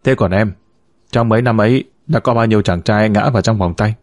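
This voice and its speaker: A man's voice: fairly low pitch, brisk, no room sound, clean studio sound, lightly acted. A man doing a sly, joking grown man. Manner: jokey, teasing.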